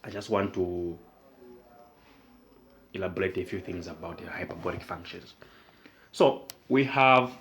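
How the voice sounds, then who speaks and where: Slow, low-voiced man teaching math. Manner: asks and answers his own questions; slow, repetitive, deliberate explanation. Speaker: math tutor. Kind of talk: whiteboard math lesson.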